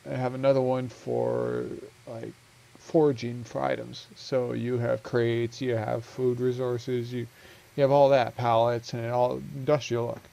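Speaking into a headset mic at home, this young man rambles through a game build of his own, full of ums and self-corrections. He makes gaming videos, and his medium-pitched voice sounds gravelly and slightly mellow.

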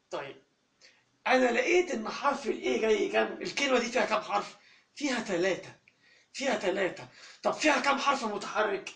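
A man with an Egyptian accent teaching a phonics lesson to children, quizzing the class and drawing out each sound slowly. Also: sits high, vocal fry, fairly bright tone, slight background noise. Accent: Egyptian Arabic. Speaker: English teacher. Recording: echoey room from far off.

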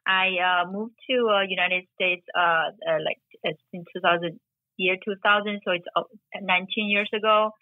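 A woman in her forties from China, who speaks Chinese and Korean, answers interview questions as a guest explaining immigration law, hesitating often. Her voice sits at a medium pitch with fairly even intonation and a moderate pace. The recording is dry and comes through a phone line.

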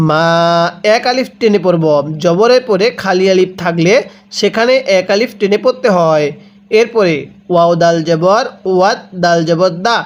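A man with a high voice teaches Quran recitation at an unhurried pace. He spells out each word syllable by syllable, then recites it whole and drills the listener with questions. It sounds like a patient lesson delivered straight to the viewer. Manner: drills syllables aloud, repeating and asking "how will we read?".

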